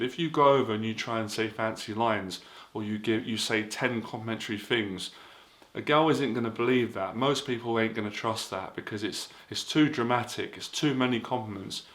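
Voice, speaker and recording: A man's voice: mid-range voice, fairly bright tone. A man giving casual dating advice in an earnest, repetitive way, full of fillers. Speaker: dating coach.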